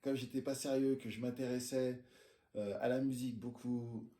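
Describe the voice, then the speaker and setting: A French osteopath in his forties tells his life story in a casual interview in his practice room, often hesitating, using fillers and restarting sentences. His mid-range voice is warm and steady, at normal speed. The sound is roomy.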